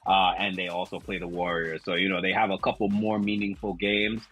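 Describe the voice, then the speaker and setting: A man hosting a sports podcast in casual chat, measured and steady, often filling with "you know". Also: sits low, husky. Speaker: podcast host leading the segment.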